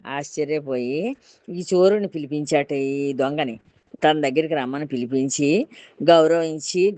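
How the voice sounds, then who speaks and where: A woman's voice: low voice, darkish tone, no echo. Woman retelling a folk tale, dry sound. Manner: homely retelling, repeating and explaining each line. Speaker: storyteller. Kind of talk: devotional folk-tale narration.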